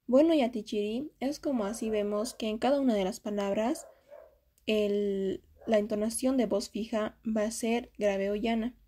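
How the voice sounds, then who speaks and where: A woman's voice: on the high side, steady tone, moderate pace, warm tone. Woman giving a hesitant language lesson. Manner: careful explanatory delivery with frequent hesitations. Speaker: student giving a class presentation. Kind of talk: spoken lesson presentation.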